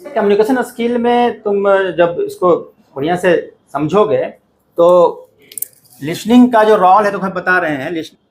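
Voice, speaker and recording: A middle-aged man teaches a class in a classroom, speaking straight to his students. His voice sits fairly high, and he keeps checking that they follow him as he explains. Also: unhurried. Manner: addresses students directly, repeats "ठीक है ना" often. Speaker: coaching teacher. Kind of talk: classroom lecture.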